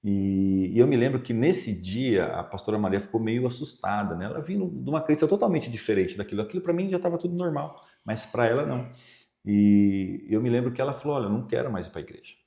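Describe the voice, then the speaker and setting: A man's voice: mid-range voice, animated, fairly quick, vocal fry, warm tone. A middle-aged man with a Brazilian Portuguese accent from São Paulo, a pastor giving a personal testimony in a podcast interview, telling it with feeling and quoting himself and others. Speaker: pastor, guest. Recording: echoey room.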